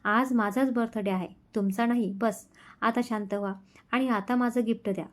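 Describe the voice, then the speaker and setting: Woman reading young wife, loving, gently bossy, pleading, higher voice, romance storybook. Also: fairly even intonation, moderate pace, natural voice. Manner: affectionate, pleading.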